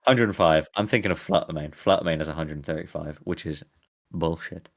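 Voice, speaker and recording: A man with a low voice hosting a live stream, rambling casually and laughing easily. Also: brisk. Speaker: streamer host. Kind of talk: casual chat.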